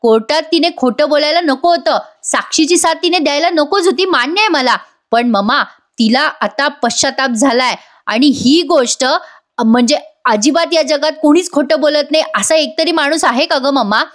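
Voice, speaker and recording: A woman's voice: high voice, normal speed, natural voice. A woman voicing an angry, defiant young husband who lashes out at his family in rude, bitter outbursts. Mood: pleading, firm.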